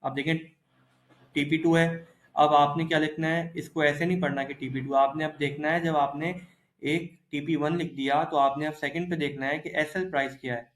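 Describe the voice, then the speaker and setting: A man's voice: on the high side, level tone, moderate pace. Explanatory man. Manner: explanatory, repeats "theek hai" often. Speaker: crypto trading instructor. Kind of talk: screen-recorded tutorial walkthrough. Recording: roomy echo.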